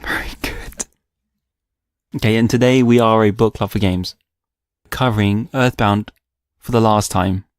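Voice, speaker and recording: A man's voice: fairly low pitch, fairly even intonation, dry recording. Chill guy hosting a podcast, teasing and laughing, dry close-mic sound. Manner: easygoing, quick to laugh and tease. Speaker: podcast host. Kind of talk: casual chat.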